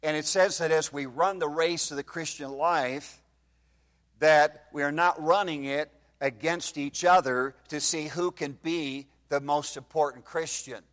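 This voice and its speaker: A man in his fifties preaches a sermon into a microphone in a slightly echoey church hall. His voice is fairly high, a bit bright and steady in tone at a measured pace, and he reads scripture in King James wording and puts questions to the congregation.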